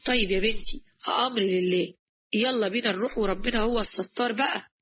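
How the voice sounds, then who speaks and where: A fretful, resigned Egyptian father blurts out pious exclamations at a fast clip, as a woman narrator puts him on for a storybook. His voice is bright and slightly husky. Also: medium pitch, muffled recording. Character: fussy, fearful middle-aged Egyptian father.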